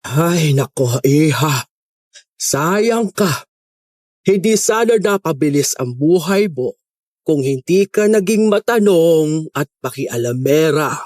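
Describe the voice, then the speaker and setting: A man playing a scheming old matriarch villain who speaks with calm, pitying menace. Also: fairly high pitch, slow, dry recording, studio quality. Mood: coldly menacing.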